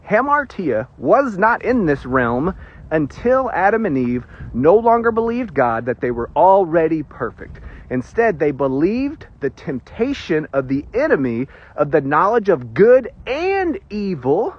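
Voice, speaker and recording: A man preaching a casual sermon, teaching with joking asides and emphatic pauses. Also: on the high side, very animated, slightly rough. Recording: dull lo-fi sound.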